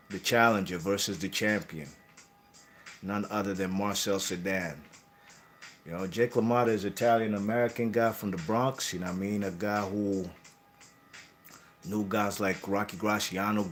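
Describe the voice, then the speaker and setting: A man hosting a boxing channel, talking casually about boxing history in a rambling way, correcting himself and tagging lines with "you know what I mean". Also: fairly low pitch.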